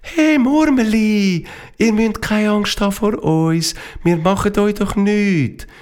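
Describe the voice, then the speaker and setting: A man voicing a curious little girl in a children's story, high and eager. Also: takes it slowly, a little mellow. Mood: reassuring.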